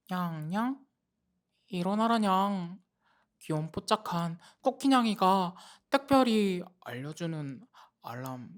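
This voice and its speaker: A woman voicing a cute, bossy little cat mascot for an alarm ringtone. She tacks a meow onto every phrase. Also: fairly low pitch.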